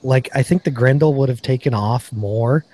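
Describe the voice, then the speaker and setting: A man's voice: mid-range voice, moderate pace, darkish tone. A man hosting a casual podcast chat, reading off rifle features and specs. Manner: chatty, reads off product specs. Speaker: podcast host. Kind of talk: casual gun review chat.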